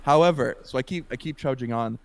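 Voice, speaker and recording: A man's voice: medium pitch, fast talker, gravelly. Young guy on a call podcast rambling thru a story, lots of likes and ums, laughs a bunch. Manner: rambling, laughs often, many fillers. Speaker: podcast guest. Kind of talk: casual storytelling.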